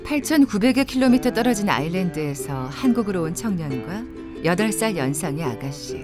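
A woman narrates a documentary in a measured manner, with a somewhat low voice. Her pitch rises and falls a great deal. Background music plays clearly under her narration. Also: big pitch swings.

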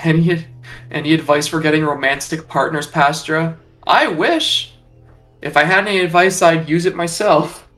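A man's voice: fairly high pitch, moderate pace, a bit bright, soft background music. A man chatting casually as a companion commenting on someone's game. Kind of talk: casual chat.

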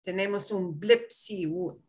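A woman's voice: medium pitch, a little mellow. Patient woman teaching a Spanish class. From Michigan. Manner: slow, patient, switches to English to explain. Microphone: video call.

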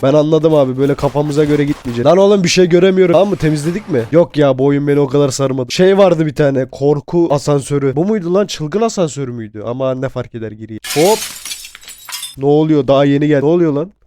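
Sick, excitable young gamer man. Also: on the high side, fast, slight background noise. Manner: excitable, shouts and swears at the game. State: sick, hoarse voice. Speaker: gaming YouTuber. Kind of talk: gameplay commentary.

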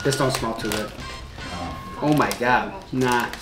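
A man's voice: medium pitch, measured pace. A man talking casually as he does a taste test at a table indoors. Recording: echoey room, music underneath.

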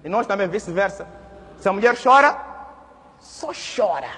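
A man preaching a Friday mosque sermon, swinging from loud exhortation to hushed storytelling and reciting Arabic verses. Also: high voice, lively intonation, fast, husky. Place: mosque hall. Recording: reverberant mosque hall.

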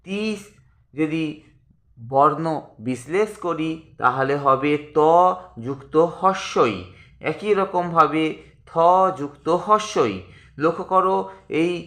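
Slow, bright-voiced male teacher. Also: a little high, echoey room. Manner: slow, drawn-out pronunciation of example words; addresses students as friends. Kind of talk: grammar lesson.

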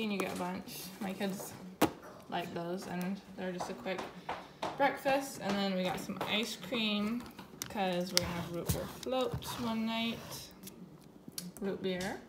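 In her home kitchen, a woman in her thirties holds her phone camera over the counter and chats through her grocery haul in an easygoing way. Her voice is mid-range, and the noisy phone recording picks up loud background noise and children talking.

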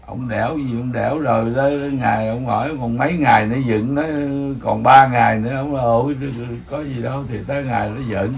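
An older man with a Southern Vietnamese accent, telling old village stories in a rambling, animated way, chuckling now and then. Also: mid-range voice, fairly quick, gravelly, hardly any pauses. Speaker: elder storyteller. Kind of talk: casual storytelling.

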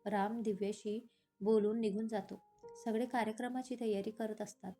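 A woman reads a serial romance aloud in a steady, even manner. Her voice is mellow and sits at a middle pitch, with faint guitar music underneath. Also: moderate pace. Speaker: storyteller. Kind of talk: serialized romantic story narration.

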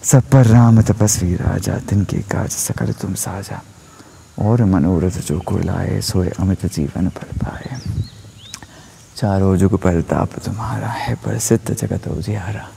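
A young man reciting a devotional text in a soft spoken-word style, often half-whispered, recorded outdoors in a forest on an earphone mic with his phone held at arm's length. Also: low-pitched, fairly even intonation, vocal fry, slight background noise. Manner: slow, hushed, often whispered delivery. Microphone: wired earphone mic, phone at arm's length.

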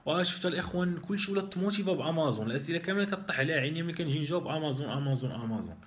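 A man with a Moroccan Arabic accent hosting a live stream, answering viewer questions in a rapid, emphatic way that repeats and restarts phrases. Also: a little high, lively intonation. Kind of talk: casual live Q&A.

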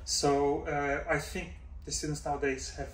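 In an office interview, a man in his forties who grew up in Denmark responds thoughtfully as a professor, leaning on fillers and "right?" checks. His fairly high, level voice moves at normal speed, captured from a distance by a camera mic with roomy echo and faint hum.

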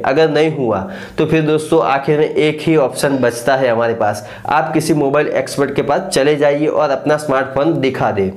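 A man in his thirties hosting a tech channel, giving scripted, earnest advice to camera in a small living room on a lapel mic, and he keeps calling his viewers his friends. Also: fairly high pitch. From India. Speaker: tech YouTuber host.

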